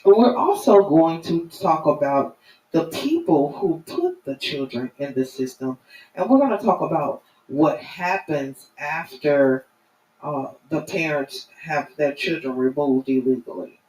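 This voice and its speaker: A middle-aged or older woman, hosting a live stream in an earnest, halting, emphatic way. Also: low-pitched, lively intonation, warm tone. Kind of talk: informal spoken commentary to viewers. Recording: roomy, distant mic, faint noise.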